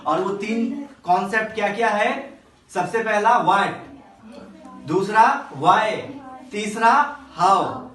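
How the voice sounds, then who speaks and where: A teacher explaining grammar to a class, drawing words out slowly and quizzing the students. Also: mid-range voice, fairly bright tone. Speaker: English teacher. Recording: echoey classroom from a distance.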